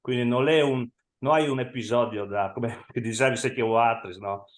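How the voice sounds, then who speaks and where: A man's voice: mid-range voice, steady tone, normal speed. A man with a Friulian accent chatting casually about football as a guest, somewhat hesitant, in echoey room sound. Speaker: podcast guest, Inter fan.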